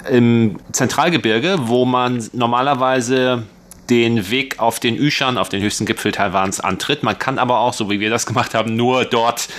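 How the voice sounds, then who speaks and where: Male journalist co-hosting a radio chat, easygoing and thoughtful, plenty of ums, middle-pitched voice. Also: normal speed, slight background noise. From northwestern Lower Saxony, Germany. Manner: relaxed, thoughtful, many hesitations.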